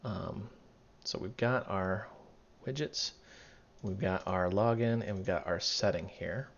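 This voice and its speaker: Raspy and fading, this instructor's low-pitched voice moves at a slow pace through a casual coding walkthrough recorded on screen. He reasons aloud and corrects himself as he goes. The recording is dull and lo-fi, with typing and mouse clicks audible throughout.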